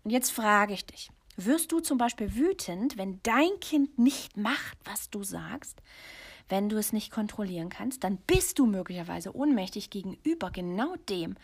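A woman's voice: medium pitch, animated, unhurried, slightly rough. A middle-aged woman hosting a podcast for mothers, telling a painful personal story to the listener in an intimate, confessional way that often drops to a near whisper. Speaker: podcast host and coach for mothers.

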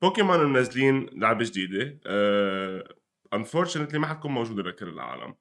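A young man with a Lebanese Levantine accent talks gaming in a casual, conversational way. His voice sits a little low and he speaks very quickly, dropping English gamer terms into his Arabic. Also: big pitch swings, fairly bright tone. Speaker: gaming commentator and guest.

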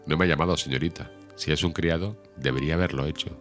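A headstrong thirteen-year-old girl from an old novel, spoiled and imperious, as a man with a very deep voice reads her. The lines come quickly and carry a petulant edge. Music plays under the audiobook reading. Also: fairly even intonation, a bit bright. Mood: indignant.

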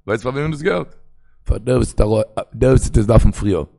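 Gravelly-voiced rabbi preaching in Yiddish. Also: male voice, mid-range voice, brisk, mellow, soft background music. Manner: rambling, storytelling, quoting sources in a singsong. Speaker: rabbi giving a Torah talk. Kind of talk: Yiddish sermon on the weekly portion.

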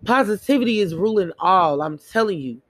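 A woman's voice: mid-range voice, expressive, brisk, no room sound. A woman giving a casual motivational monologue in an earnest, emphatic way, repeating phrases for emphasis. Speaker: motivational speaker.

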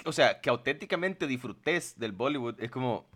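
A man's voice: medium pitch, lively intonation, normal speed, fairly bright tone. A man, co-hosting a podcast in crude, joking banter and acting out little scenes. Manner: crude, joking, acts out voices. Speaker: podcast co-host.

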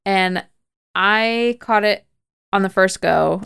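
A woman's voice: medium pitch, slow, creaky, a bit bright, clear, resonant tone, no echo, clean studio sound. A woman podcast host casually retelling a movie plot, chatty and full of "like" and "kinda".

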